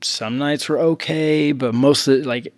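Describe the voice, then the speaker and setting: A man hosting a podcast, telling a coaching story in a casual, animated way, laughing often. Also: a little high, unhurried. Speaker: podcast host and jiu-jitsu coach.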